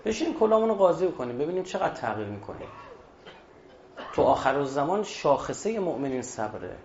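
A man with a high voice delivers a sermon, shifting between quiet narration and forceful, raised exhortation. The recording is dull and lo-fi, with a strong room echo and a faint hiss underneath. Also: big pitch swings. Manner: shifts from hushed storytelling to loud emphatic exhortation. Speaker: preacher. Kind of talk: religious sermon. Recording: echoey dull hall recording.

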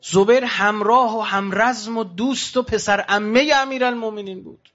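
Here a man's intonation stays fairly even and his tone is fairly bright, though the sound is lo-fi. He is giving a heartfelt sermon to pilgrims, asking rhetorical questions, with sudden surges and dips in pitch.

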